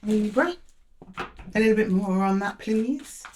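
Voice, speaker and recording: A woman with a croaky voice hosting a casual tarot reading, chatty and speaking familiarly to her listeners. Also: mid-range voice, expressive, measured pace, a little mellow. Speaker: tarot reader and channel host.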